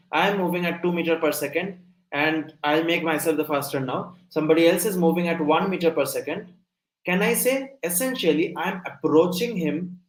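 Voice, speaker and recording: Explanatory and step by step, this young coding instructor's live online lecture is full of check-in questions about whether listeners follow. His pitch is fairly high, and the recording is rough and reverberant.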